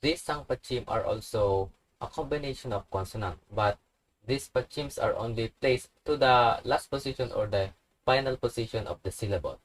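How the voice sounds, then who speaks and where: A man's voice: medium pitch, moderate pace, rough recording. A man teaching a language lesson, patiently repeating each example word. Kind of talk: slow instructional tutorial.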